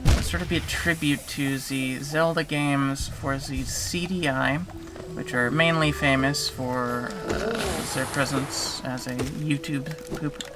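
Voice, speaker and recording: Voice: medium pitch, slow, music in the background. A game streamer chatting casually while playing, rambling with playful, self-aware asides. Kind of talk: casual live-stream commentary.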